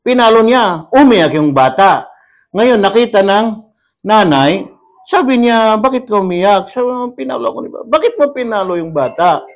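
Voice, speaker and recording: A man's voice: high voice, normal speed. A man giving a storytelling sermon, his voice rising and falling with the tale, weaving in Arabic recitation. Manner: animated, voice rising when telling the story; mixes Arabic recitation into talk.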